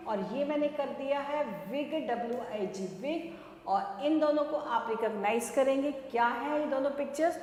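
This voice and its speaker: Woman, Indian English accent, kindergarten teacher, drawn-out phonics, high voice, echoey room with long reverb. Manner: drawn-out sounding of words, questioning the class. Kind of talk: slow phonics lesson for young children.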